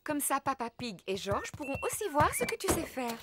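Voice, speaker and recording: A woman voicing a gentle, encouraging mother pig in a children's cartoon. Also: high-pitched, sing-song, moderate pace, heavy background noise.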